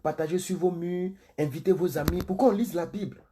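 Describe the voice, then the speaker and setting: A man reading the Bible on a livestream and commenting between passages, slow and solemn in the readings and quick and chatty in his asides to viewers. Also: high voice, dark tone, a little hiss or hum. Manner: chatty, repeatedly urging viewers to share. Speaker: Bible reader and preacher.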